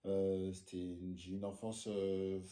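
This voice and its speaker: A man's voice: low voice, completely flat delivery, a little slow, mellow, reverberant. A man in his forties, an osteopath, telling his life story in a casual interview, hesitating often with fillers and restarts. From France. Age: 40s. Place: his osteopathy practice room.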